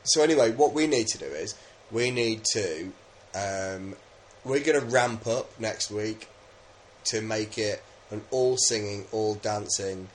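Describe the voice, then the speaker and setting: Jokey Englishman with a lowish voice. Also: unhurried, slight background noise. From England. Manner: jokey, rambling, with many fillers. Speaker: podcast co-host. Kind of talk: casual chat.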